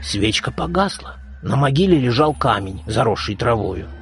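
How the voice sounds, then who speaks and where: A man reading a folk tale aloud in a dramatic, expressive way, acting out the cries of the creatures. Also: mid-range voice, moderate pace, a little hiss or hum. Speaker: storyteller.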